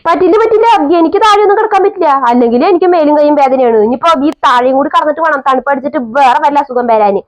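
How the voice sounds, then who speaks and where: A woman's voice: sits high, rapid-fire, few pauses, dry recording, natural voice. A woman playing a nagging, self-pitying mother-in-law in a comedy family skit. She complains and mutters under her breath. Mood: complaining.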